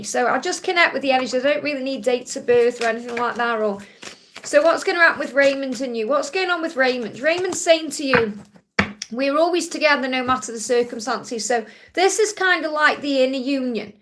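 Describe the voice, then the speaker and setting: A woman's voice: high voice, a bit bright. A woman from Stoke-on-Trent with a Stoke accent, giving a live card reading and chatting to viewers in a reassuring, direct way. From Stoke-on-Trent, England. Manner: reassuring, addresses listeners directly, often checks with "okay?". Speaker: psychic card reader hosting a live stream.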